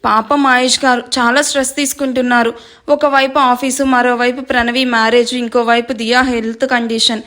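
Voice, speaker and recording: A woman's voice: a little high, flat delivery, brisk, fairly bright tone, close to an everyday voice. Woman doing a grumbling, sulky young wife. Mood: cheerful. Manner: sulky, muttering complaints, then sweetly pleading.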